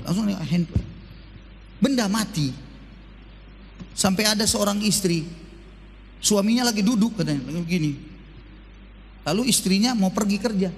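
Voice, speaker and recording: A man's voice: high-pitched, long reverb tail, a little hiss or hum. A male pastor preaching a joking sermon, acting out husbands' and wives' voices. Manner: lively, joking, acts out spouses' voices. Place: church.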